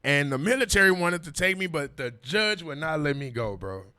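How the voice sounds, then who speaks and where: Very animated and fairly high-pitched, this man's bright, forceful voice comes through clean at a moderate pace. In his 40s, he's a podcast guest telling his story with emphatic, repetitive street slang, frequently asking "you know what I mean."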